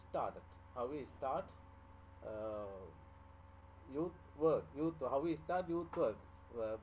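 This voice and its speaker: A man from Sri Lanka asks his question over a video call in halting, hesitant English, stopping often to search for words. His voice sits at an ordinary pitch. A faint hiss of noise runs underneath. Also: darkish tone, rough recording. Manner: hesitant, many pauses and restarts. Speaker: caller asking a question. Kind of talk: halting non-native English with many fillers.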